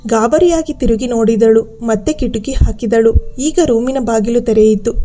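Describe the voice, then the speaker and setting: A woman storyteller giving a steady, measured scripted narration of a ghost story. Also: fairly high pitch.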